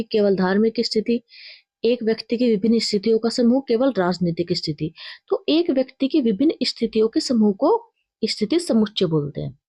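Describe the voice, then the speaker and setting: A woman's voice: a little high, a little mellow, dry recording, clean studio sound. A woman teacher reading out exam quiz questions with their options, then explaining each answer and correcting herself along the way.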